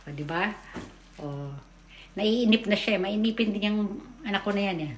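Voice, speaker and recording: A woman's voice: medium pitch, normal speed, echoey room, a little hiss or hum. A woman, a mother, giving a casual voice-over to her family video, chatty and stumbling over her words now and then. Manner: chatty, tags lines with "o, di ba?".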